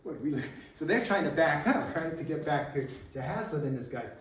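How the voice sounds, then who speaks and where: Animated man lecturing in an echoey room. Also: a little high, normal speed. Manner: animated storyteller, acts out shouted quotes, laughs often. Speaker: local history presenter. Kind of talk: casual public lecture. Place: meeting room with audience. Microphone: distant camera. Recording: echoey room, faint noise, mic far off.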